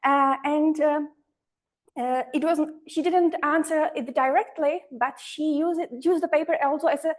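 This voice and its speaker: A woman's voice: high-pitched, steady tone, moderate pace. A woman presenting a paper at an academic conference, hesitant and often correcting herself.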